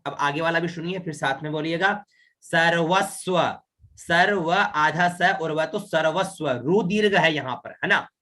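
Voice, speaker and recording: A man teaching Sanskrit verse recitation online, spelling out each syllable slowly and checking "है ना?" after each point. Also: a little high, bright, forceful tone. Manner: slow, syllable-by-syllable pronunciation drills, checks with "है ना?".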